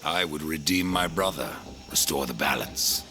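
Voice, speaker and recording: A man's voice: extremely low pitch, moderate pace, slight background noise, heavily acted. A man voicing Death, a grim, suspicious pale rider in a video game, terse and brooding. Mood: grim, resolute. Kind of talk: video game cutscene acting. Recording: loud music under the voice.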